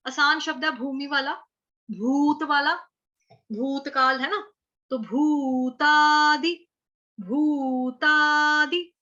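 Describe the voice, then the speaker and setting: Speaking with a North Indian accent in a high, bright voice, a woman teaches how to pronounce verse, splitting words into syllables, repeating them slowly, and chanting the lines. The audio is dull and lo-fi.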